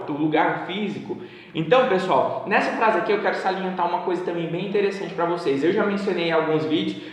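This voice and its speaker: A man from Brazil gives a casual English lesson. His voice sits a little high, and he explains patiently, slowing down to repeat each example. The room is very echoey, with a long reverb trailing after his words. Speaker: English teacher.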